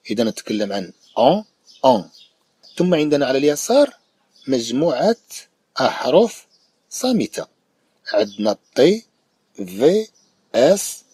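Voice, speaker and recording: A man with a Moroccan Arabic accent teaching a recorded primary-school French lesson, explaining slowly and repeating each sound and word several times. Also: medium pitch, mellow, husky, no echo.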